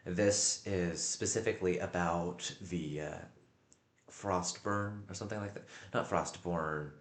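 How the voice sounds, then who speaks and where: A man with a deep, low voice talks casually on a livestream in an echoey room. He rambles in a halting way, doubling back on words and pausing to find the next one. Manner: halting, often repeating and searching for words.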